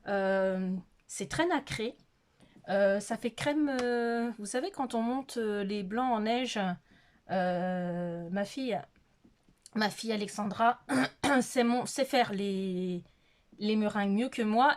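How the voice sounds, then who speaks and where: A middle-aged woman chatting casually through a makeup tutorial in her bedroom, filmed on a phone, hesitant and full of fillers, laughing at herself. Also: mid-range voice. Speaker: beauty vlogger. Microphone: phone camera.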